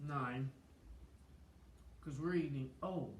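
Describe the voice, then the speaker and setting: A woman's voice: rumbling low, slow pace. A woman pastor co-hosting a casual cooking livestream, chatty and playful, half-singing nursery rhymes and leading a spoken prayer. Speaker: pastor and co-host. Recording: echoey room with faint background noise.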